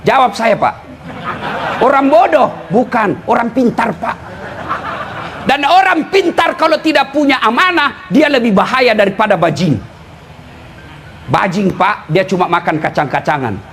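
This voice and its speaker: High-pitched, teasing preacher. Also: male voice, unhurried, long pauses, slight background noise. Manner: lively, teasing, often shouting and laughing. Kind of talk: humorous sermon to an audience. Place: live event before an audience.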